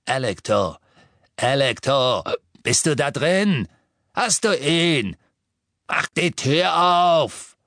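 A man reading an audiobook voices a coarse, vulgar male henchman who shouts and bangs at a door. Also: fairly high pitch, expressive, takes it slowly, dry recording, studio quality, voice pushed up, full character voice. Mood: bellowing. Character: coarse brutish male henchman, bellowing and crude.

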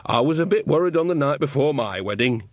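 A man's voice: mid-range voice, expressive, fast, no room sound, dull audio, natural voice. A man voicing an earthy, shrewd old woman witch who talks in a folksy, blunt, teasing way. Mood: wry. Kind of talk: audiobook character reading.

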